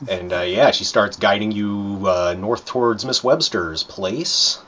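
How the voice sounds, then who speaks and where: A man narrating as dungeon master in a relaxed, rambling way with many fillers. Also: lowish voice, a little slow, highs cut off. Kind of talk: narrating a tabletop game.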